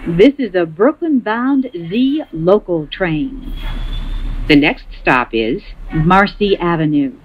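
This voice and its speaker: A woman giving measured, prerecorded announcements over a train's loudspeaker after a chime, inside a subway car. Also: on the low side, expressive, a little hiss or hum. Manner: slow, measured, evenly spaced phrasing. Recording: muffled loudspeaker heard from a distance.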